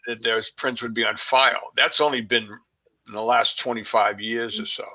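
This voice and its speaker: A man with a Boston accent, talking as a guest expert in a casual discussion, pausing often with fillers and restarts. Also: medium pitch, fairly even intonation, bright, forceful tone, muffled recording. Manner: halting, many fillers and restarts.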